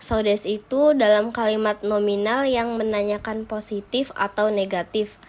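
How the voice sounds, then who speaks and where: A young woman teaching a Japanese lesson, often addressing her viewers and reading example sentences slowly. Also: mid-range voice, fairly even intonation, a little mellow. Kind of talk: slow explanatory lesson.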